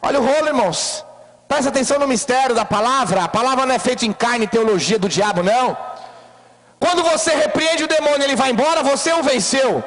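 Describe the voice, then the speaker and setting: A man preaching a sermon as pastor, rising to shouts and pausing for effect. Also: very high-pitched, animated, big-room sound. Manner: preaching with rising shouts and dramatic pauses, acting out voices.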